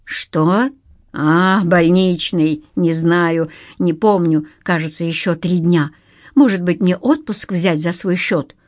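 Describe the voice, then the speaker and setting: A woman's voice: lowish voice, slow pace, a little mellow, dry recording, studio quality. A woman voicing a panicky, hysterical young male banker in an audiobook, with frantic, sobbing pleas.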